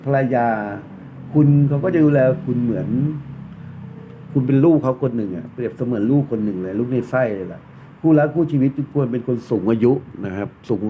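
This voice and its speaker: A man's voice: mid-range voice, animated, brisk. A man reading tarot cards, explaining a card in a casual, blunt and joking way, swearing freely. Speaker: tarot reader. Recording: tinny phone-like sound, faint noise.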